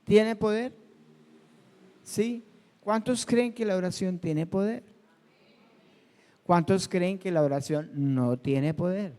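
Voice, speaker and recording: A man with a high voice preaches in a church hall, the sound trailing off in a long reverb. He talks to his congregation like a conversation, asking them questions as he goes. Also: takes it slowly, long pauses, warm tone. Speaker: pastor. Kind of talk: sermon.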